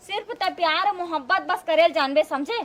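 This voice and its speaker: A woman's voice: very high-pitched, moderate pace, noisy background. A woman with a Chhattisgarhi accent playing an exasperated, sarcastic village sister-in-law who nags in a broad comedy skit. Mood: sarcastic, nagging. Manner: nagging, sarcastic. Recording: loud music behind dialogue.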